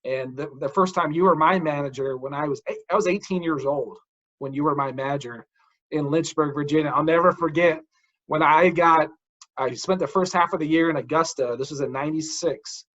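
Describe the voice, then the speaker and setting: A man's voice: fairly high pitch, a little fast, a bit bright. A man in his forties hosting a casual interview, enthusiastic and storytelling, saying dude a lot. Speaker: podcast host, mental coach. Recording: dull lo-fi audio.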